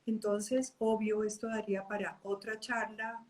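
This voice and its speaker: A woman life coach talking in a lively live chat, often acting out the inner voices she describes. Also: medium pitch, measured pace.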